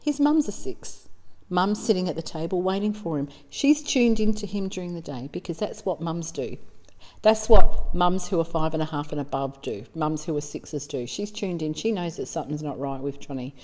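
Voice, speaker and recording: A woman's voice: low-pitched, lively intonation, normal speed. An Australian woman, a psychic medium, giving an informal spiritual talk in a chatty, storytelling way. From South Australia. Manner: warm storytelling, chatty with fillers. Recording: long reverb.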